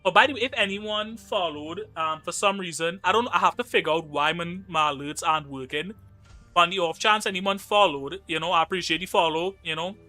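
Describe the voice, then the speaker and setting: Soft music runs beneath a high, sharp-toned male voice going a little fast. He's a young Trinidadian from Trinidad and Tobago, casually joking and reading chat aloud during a live game stream.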